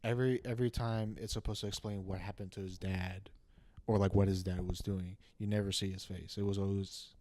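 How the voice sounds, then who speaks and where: A man's voice: low-pitched, a little fast, no room sound. Young guy ranting about a movie twist, keeps restarting, dry close mic. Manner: animated, rambling with restarts. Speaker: podcast co-host. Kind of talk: casual chat.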